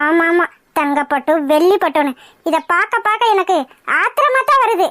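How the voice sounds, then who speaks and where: A woman voices a young bride-to-be in a cartoon whose coaxing is sweet but false. The very high voice is recorded close and dry. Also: animated, normal speed, fairly bright tone, no echo. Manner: sugary, coaxing.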